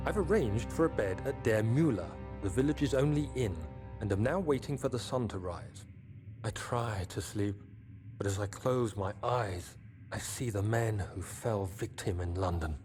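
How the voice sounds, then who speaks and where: A troubled, educated gentleman of the nineteenth century, played by a male actor, narrates his diary in a video game. His voice is fairly low, formal and solemn, with faint music behind it. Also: lightly acted. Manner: formal, solemn, measured recital.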